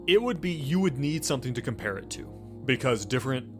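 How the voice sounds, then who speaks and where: A man acting as game master in a tabletop roleplaying game explains things informally and conversationally, his medium-pitched voice very animated and fast. Background music plays beneath him.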